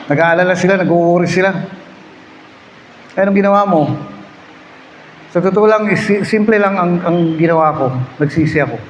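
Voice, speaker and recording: A male pastor with a Filipino accent, preaching a sermon in storytelling style, swinging between hushed prayer and loud exhortation. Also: sits high, moderate pace, long pauses, slight background noise. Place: church hall. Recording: echoey hall, slightly dull sound.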